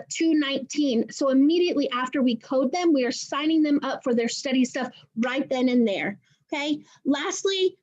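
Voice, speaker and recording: A woman giving sales training on a group call, instructive and brisk as she lists steps for the team. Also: high-pitched, a little mellow. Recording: dull lo-fi call audio.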